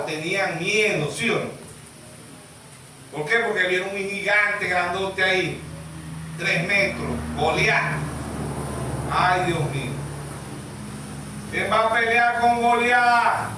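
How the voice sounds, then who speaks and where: A man's voice: sits high, noisy background. A man preaching a sermon as pastor, emphatic, asking the congregation questions and waiting for their answers. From Venezuela. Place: church hall. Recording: echoey church sound from far off.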